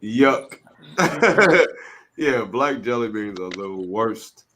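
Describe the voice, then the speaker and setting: A man's voice: mid-range voice, very animated, drawn-out words, crowd noise, rough recording. A man hosting a podcast in casual group chat, laid-back and profane, laughing often. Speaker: podcast host.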